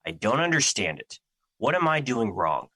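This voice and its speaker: Audio drama: male actor as an ancient embodiment of fear, grandiose and troubled, forceful edge, dry recording. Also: medium pitch, big pitch swings, moderate pace, no echo. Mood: distressed, indignant. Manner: formal, grandiose, theatrical.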